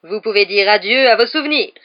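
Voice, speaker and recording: A reader of a French audiobook voicing a smug, treacherous male wizard teacher who gloats and shouts. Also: mid-range voice, fairly quick, voice pushed up, natural voice. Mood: gloating. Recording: dull lo-fi audio.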